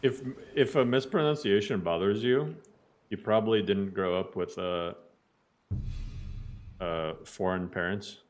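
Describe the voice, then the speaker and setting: Low-voiced joking Bosnian-born streamer. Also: male voice, measured pace, pauses often, soft background music. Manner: playful, jokey, mock mispronunciations. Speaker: game streamer. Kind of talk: casual gaming stream chat.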